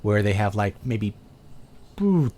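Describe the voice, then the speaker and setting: He's a middle-aged Brooklyn native with a New York accent, hosting a live video chat and responding to viewer questions over his webcam. The voice is fairly low and warm, sing-song, and he takes it slowly. He thinks out loud in a rambling, chatty way, peppered with fillers.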